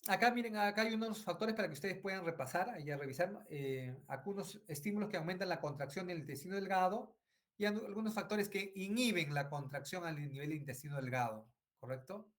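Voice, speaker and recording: A man's voice: high voice, expressive, a little fast, fairly bright tone. A middle-aged man giving an online medical lecture, repeating phrases and asking "right?" often. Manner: frequent tag questions and fillers.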